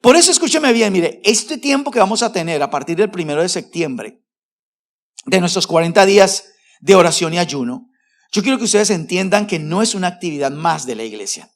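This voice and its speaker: A man preaching a sermon as pastor. He asks the congregation rhetorical questions and speaks to them directly, swinging between loud stressed words and low, quiet phrases. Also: expressive, a little fast. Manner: addresses the congregation directly and formally.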